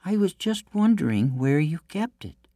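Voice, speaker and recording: A man voicing a young princess who is frightened but clever, speaking in a high, urgent, pleading way. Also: sing-song, normal speed, mellow, no room sound, studio quality. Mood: coaxing.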